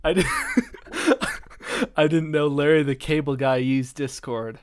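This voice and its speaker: A man's voice: on the high side, steady tone, measured pace, very noisy. A man hosting a live stream, chatting casually, joking and reading chat comments aloud.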